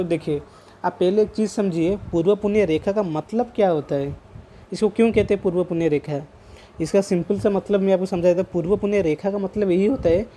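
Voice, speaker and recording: Man explaining palm reading, mellow voice. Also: high voice. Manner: repeats and rephrases points while explaining; sprinkles English terms into speech. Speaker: palm reader. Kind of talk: casual explaining to camera.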